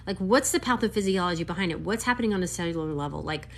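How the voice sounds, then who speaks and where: A woman in her fifties, a doctor, talking casually to camera in an animated, emphatic way with quick asides. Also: on the low side, gravelly. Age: 50s.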